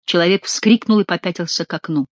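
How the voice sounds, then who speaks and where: A woman narrating a dramatic adventure novel as an audiobook reader, with expressive storytelling. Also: fairly low pitch, fast talker, no echo.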